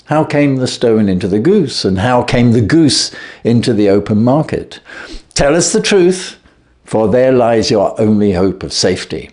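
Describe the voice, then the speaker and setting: A man reading aloud and voicing a stern, clever detective who calmly accuses a thief. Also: medium pitch, lightly acted. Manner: stern, cutting, measured. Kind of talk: reading a classic story aloud.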